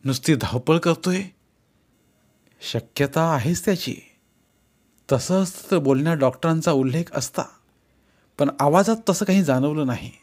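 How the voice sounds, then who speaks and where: Man, audiobook narrator, scripted narration, steady, fairly high voice. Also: a little slow, long pauses.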